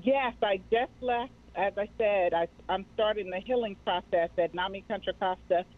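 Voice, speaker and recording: The guest is a middle-aged American woman heading a mental health nonprofit, talking conversationally at a normal pace in a mid-range voice. She's on a remote call, and the sound is narrow and tinny like a radio.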